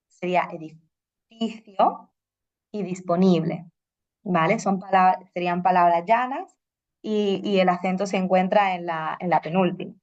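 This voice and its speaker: Woman lecturing, dull lo-fi sound. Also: medium pitch. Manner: explanatory, frequent "eh" and "¿no?" tags. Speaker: Spanish teacher presenting. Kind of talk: conference talk with slides. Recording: dull lo-fi recording.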